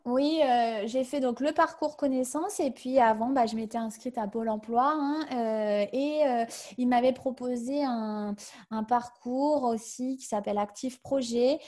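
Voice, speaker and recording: A woman speaking on a video call in a webinar, answering questions casually. Her voice sits fairly high but sounds mellow and warm. She hesitates a lot and restarts her sentences. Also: a little slow. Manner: hesitant, many fillers and restarts. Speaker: webinar guest sharing her career change.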